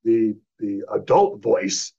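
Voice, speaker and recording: A middle-aged interview guest with a fairly low, mellow, slightly rough voice tells a personal story slowly but animatedly. He rambles loosely and acts out old phone calls in different voices. The recording is slightly dull lo-fi audio.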